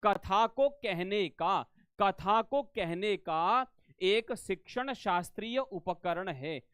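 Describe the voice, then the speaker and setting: A man teaches a live online exam-prep lesson in a high, smooth, resonant voice. He repeats key phrases and keeps quizzing his students, asking whether they understood. The sound is dry and close, with no room echo. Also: animated, slow pace, fairly bright tone. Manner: addresses students as beta, asks if they understand.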